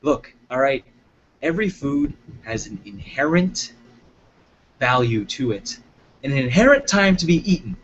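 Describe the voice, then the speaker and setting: A man's voice: medium pitch, very animated, unhurried, muffled recording, a little hiss or hum. A man playing an uptight, rule-obsessed roommate in an improv comedy scene, fussy and indignant. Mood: lecturing.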